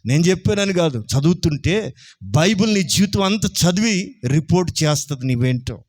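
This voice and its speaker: A man's voice: high voice, lively intonation, moderate pace. A male pastor preaching a Sunday sermon emphatically, often checking that the congregation is listening. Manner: emphatic preaching, keeps asking the congregation if they are listening.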